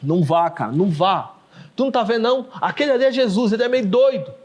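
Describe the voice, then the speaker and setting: A man's voice: high voice, expressive, quick pace, a little mellow. A man voicing a doubtful male disciple who urgently and incredulously pleads with his friend. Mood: pleading.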